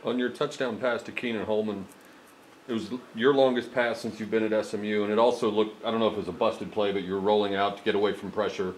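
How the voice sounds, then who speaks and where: A man's voice: lowish voice, fairly even intonation, fast, slight background noise, low-quality recording. A man, a sports reporter, asking long, detailed questions at a press conference.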